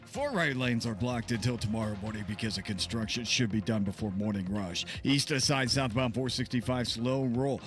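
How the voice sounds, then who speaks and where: A man reads a radio traffic report in a mid-pitched voice. He works through it in clipped, list-like phrases as a professional reporter. A light music bed plays underneath. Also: normal speed, few pauses. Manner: clipped phrases rattling off roads and blockages.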